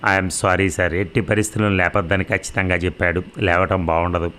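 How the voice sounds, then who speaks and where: A man's voice: deep voice, level tone, a little fast, bright, forceful tone. A man voicing a frightened young man who answers in a nervous, apologetic way in an audio story. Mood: nervous evasive.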